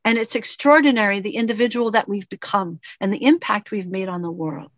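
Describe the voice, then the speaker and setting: A woman's voice: mid-range voice, a little fast, no echo. A woman minister giving a reflective sermon in an earnest storytelling manner. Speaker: spiritual minister and teacher. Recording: dull lo-fi recording.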